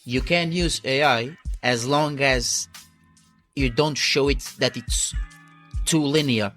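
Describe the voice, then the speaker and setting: Soft background music plays as a podcast host with a Portuguese accent, Portuguese being his native language, conducts a casual interview, stumbling over words and restarting frequently. He speaks slowly in a mid-range, fairly bright voice.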